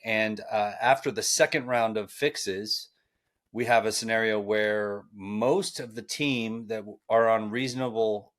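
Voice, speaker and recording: Man, podcast host, lowish voice, friendly, rambling, lots of ums. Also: steady tone, unhurried, a bit bright. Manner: friendly, filler-heavy, rambling. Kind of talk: casual podcast chat.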